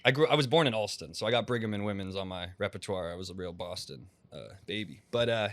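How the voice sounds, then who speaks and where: A man's voice: lowish voice, lively intonation, fast, fairly bright tone. A young man from Massachusetts, a rapper talking in a casual interview, rambling and slangy, with restarts and plenty of profanity.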